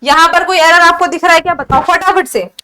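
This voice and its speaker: A woman teaches English grammar for exam prep, and her voice sits high. She asks rapid questions and answers them herself. She slows right down to read English sentences word by word. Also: sharp tone. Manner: mixes English terms into Hindi explanation.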